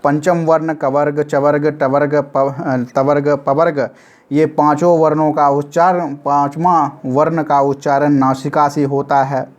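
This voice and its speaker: A man teaching grammar in a recorded lesson, chanting short memory formulas slowly and repeating each one many times. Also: on the high side, flat delivery. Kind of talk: classroom-style recorded lesson.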